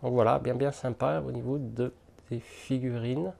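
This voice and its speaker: A man's voice: medium pitch, fairly even intonation, moderate pace, creaky, mellow. A man hosting a miniatures hobby channel, casually unboxing and thinking aloud to the camera with lots of hesitant fillers.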